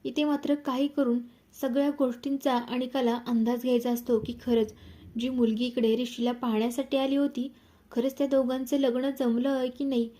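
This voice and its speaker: A woman's voice: sits high, level tone, moderate pace, dark tone. A woman narrating a serial recap, addressing the audience dramatically.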